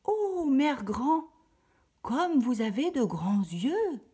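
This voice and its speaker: Woman doing a high little red-hooded girl. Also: animated, darkish tone. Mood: wondering. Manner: high, wide-eyed and slow.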